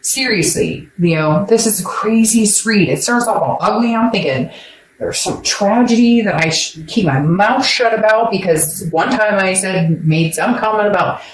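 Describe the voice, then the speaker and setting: A woman's voice: medium pitch, normal speed. Woman, tarot reader, rambling, blunt, joking, echoey room, faint background hiss. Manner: rambling, blunt, swears, jokes with viewers. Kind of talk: casual tarot reading to camera.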